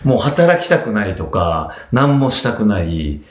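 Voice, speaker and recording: A man from Fukuoka co-hosting a podcast in casual chat, animated and laughing often as he gives advice. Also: measured pace. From Fukuoka, Japan. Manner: animated, laughs often, swings his pitch widely. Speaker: podcast co-host. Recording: roomy echo.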